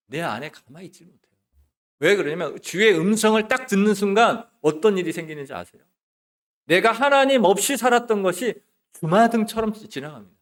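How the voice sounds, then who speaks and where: A man preaching from the pulpit as a church's associate pastor, his somewhat high voice rising and falling widely in pitch. He poses rhetorical questions and answers them himself. His delivery swings from forceful emphasis down to quiet, hushed phrases. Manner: swings between loud emphasis and soft near-whispers. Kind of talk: sermon. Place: church sanctuary.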